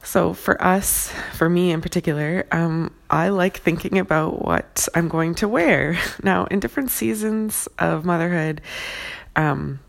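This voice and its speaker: Woman, 30s, low gravelly morning voice; soft, unhurried, filler-heavy reflection. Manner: soft-spoken, unhurried, many fillers and pauses. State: groggy early-morning voice. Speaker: mother sharing faith reflections. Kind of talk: casual early-morning reflection.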